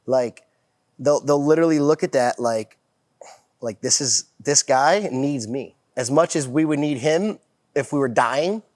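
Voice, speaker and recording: A man's voice: medium pitch, a little slow, darkish tone, no room sound. A man guest talking in a casual podcast chat about nightlife work, rambling with restarts and swearing freely. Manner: rambling, profane, many restarts.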